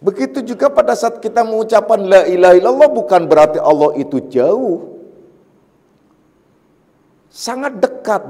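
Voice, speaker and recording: A man's voice: sits high, warm tone, big-room sound. A man giving a religious study lecture as a Sufi teacher, explaining patiently, repeating key phrases and warning emphatically. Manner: explains patiently with repetition and everyday examples; warns emphatically. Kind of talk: religious lecture on a classical text.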